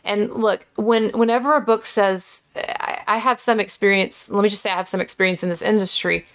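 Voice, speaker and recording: A woman host with vocal fry in a lowered voice, giving casual, opinionated commentary. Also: steady tone, fairly quick. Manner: speaks in a lowered pitch.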